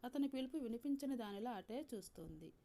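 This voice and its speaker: Mellow-voiced woman reading a story. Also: fairly high pitch. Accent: Telugu. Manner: calm, measured reading with soft voiced dialogue. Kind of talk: scripted story narration.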